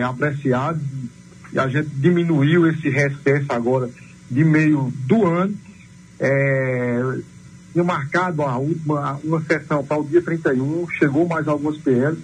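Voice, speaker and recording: Politician on a phone line. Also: male voice, fairly high pitch, a little hiss or hum. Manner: formal political talk, many hesitations. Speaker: city council president. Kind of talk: phone interview on radio.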